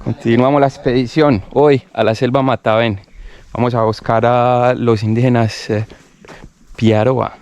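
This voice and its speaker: A man's voice: level tone, faint music behind. A man hosting an expedition on location, explaining the places he visits in unscripted travel presenting. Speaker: travel host. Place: outdoors on location. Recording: loud rumble and rushing outdoor noise.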